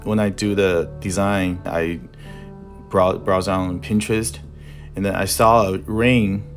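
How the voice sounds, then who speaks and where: Soft music plays beneath the narration as a young Mandarin-speaking tattoo artist and art instructor, with a Chinese accent, walks through how he creates a tattoo design. His deep voice stays steady, though he talks haltingly while looking for words in a second language.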